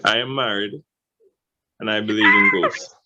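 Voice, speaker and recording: A young man in his twenties with a deep voice and a mature, measured way of speaking. His intonation is lively and animated. He comes through dull lo-fi call audio. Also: heavy background noise. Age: 20s.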